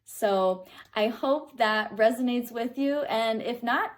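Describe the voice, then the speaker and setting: A spiritual host from Kansas City, an American woman in her thirties, talks slowly in a somewhat high voice. Her informal reflection comes across as earnest and emphatic, punctuated by frequent check-ins with the listener.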